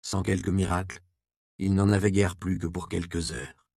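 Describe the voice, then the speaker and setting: A male audiobook narrator with a low, gravelly voice reads in a measured storytelling manner. The recording is close and dry, with no room sound. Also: flat delivery, mellow, no echo.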